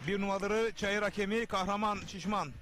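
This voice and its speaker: A high-pitched man's voice delivers live wrestling commentary with music clearly playing behind him. He speaks to viewers as a TV host, in short, emphatic phrases. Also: little pitch movement, a little fast, fairly bright tone.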